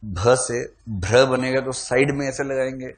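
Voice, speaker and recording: A man's voice: medium pitch, a little slow. A male teacher giving a classroom lecture in a medium voice. He talks in a playful, teasing way, quizzing the class and putting students on the spot.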